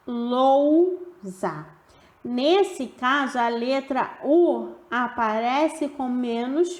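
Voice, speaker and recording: A woman gives a grammar lesson in a high, clear voice. She talks slowly and stretches out the example words. The room around her rings with echo. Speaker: teacher. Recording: roomy echo.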